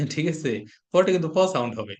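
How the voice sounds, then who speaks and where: A man from Bangladesh teaching English pronunciation in an online class, repeating each sound and example word slowly. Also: on the high side, lively intonation, a little mellow.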